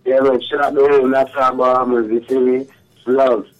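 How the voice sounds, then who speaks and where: A man's voice: medium pitch, level tone, brisk, soft background music. Laid-back Jamaican man on a muffled line. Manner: laid-back slangy talk with "you feel me". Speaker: rapper and young label owner. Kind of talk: casual interview call-in.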